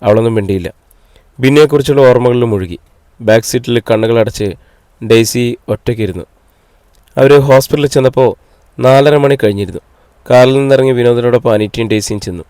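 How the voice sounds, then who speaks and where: A man reading a novel aloud as an audiobook narrator, in a steady storytelling read on a close mic. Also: mid-range voice, brisk, pauses often, no echo. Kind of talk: scripted narration.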